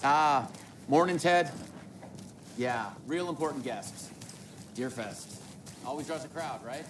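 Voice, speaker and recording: An actor playing an easygoing small-town sheriff in a video game, laid-back, dry and folksy. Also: male voice, medium pitch, slow pace, fairly bright tone. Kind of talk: naturalistic video game acting. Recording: noisy ambient background.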